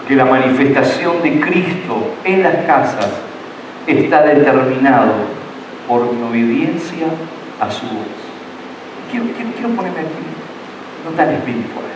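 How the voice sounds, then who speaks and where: Preaching earnestly in a church sanctuary, a middle-aged pastor keeps repeating words and restarting. He has a mid-range, expressive voice and an unhurried pace. The recording is noisy, echoey and made with a distant mic.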